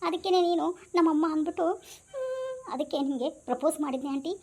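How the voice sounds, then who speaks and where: Woman playing a pleading young man, soft and tearful. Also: high voice, fast talker. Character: emotional young man calling her aunty.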